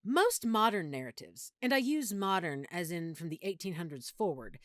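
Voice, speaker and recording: Here a woman voices an affectionate, opinionated, nerdy girlfriend for audio roleplay, explaining things in a fussy, playful manner with a very animated, moving pitch. Her speed is normal and her mood animated and opinionated. The dry, intimate recording sounds like a one-sided talk between partners.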